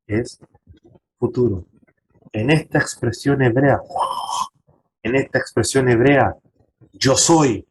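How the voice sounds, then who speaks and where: A man's voice: mid-range voice, darkish tone, low-quality recording. Man, pastor, church Bible class, emphatic, questions the congregation, faint noise. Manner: emphatic teacher addressing the congregation directly.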